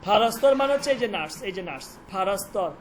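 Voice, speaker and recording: A Persian teacher who repeats words slowly for pronunciation and quizzes the students. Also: mid-range voice, animated, a little hiss or hum, poor audio. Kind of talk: online language lesson.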